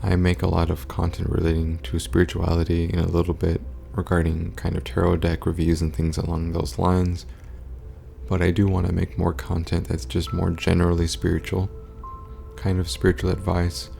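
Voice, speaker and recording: A man talking low and quietly, as in a sleeping house at night, in a monotone, stoic way for a casual vlog update. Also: moderate pace, creaky, soft background music. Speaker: content creator.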